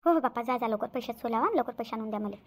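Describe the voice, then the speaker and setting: A woman's voice: a little high, very fast, a little hiss or hum, lightly acted. A woman voicing a scheming young wife in a cartoon, sly and whiny, pleading with fake tears. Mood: wheedling. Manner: wheedling, fake-tearful pleading. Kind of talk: cartoon voice acting.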